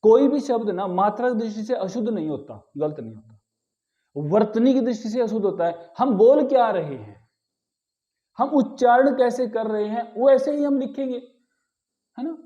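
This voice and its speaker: A man with a fairly high but dark, mellow voice gives a grammar lesson. He explains patiently, repeats key words and asks rhetorical questions. The recording is dull and lo-fi. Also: lively intonation, moderate pace. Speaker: Hindi grammar teacher.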